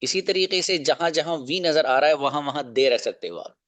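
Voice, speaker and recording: A man with a slightly high voice teaches English grammar to a class, slowly drilling example sentences and checking comprehension with quick questions. There is no room sound in the recording.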